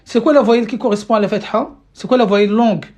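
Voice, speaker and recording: An Arabic teacher gives a live-streamed lesson in French, her voice fairly high, quick and somewhat dark. She patiently repeats questions to viewers, with lots of fillers and restarts, and is picked up by a phone or webcam mic.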